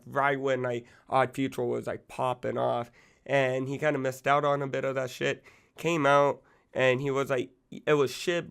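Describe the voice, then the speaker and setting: Still recovering from illness, a young man with a gravelly, flat, medium-pitched voice hosts a music channel while his voice gives out. His casual commentary is loose and rambling, packed with fillers and profanity.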